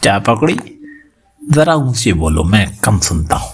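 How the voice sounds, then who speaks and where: A man's voice: on the low side, sing-song, measured pace, slightly rough, faint music behind, heavily acted. A man voicing a dim-witted, hard-of-hearing old male clerk who mishears everything and drawls. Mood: befuddled.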